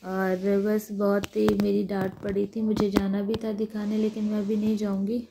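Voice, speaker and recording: A woman, sick and recovering from a fever, chatting casually in a home vlog while lying in bed, speaking softly and wearily. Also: mid-range voice, monotone, normal speed, vocal fry, noisy background. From India. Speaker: vlogger.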